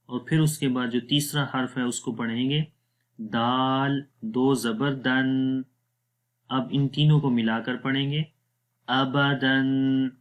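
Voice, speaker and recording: Guy teaching quran reading, pakistani accent, slow patient syllable by syllable. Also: medium pitch. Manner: patient, sounds out each syllable slowly. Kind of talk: spelled-out reading lesson.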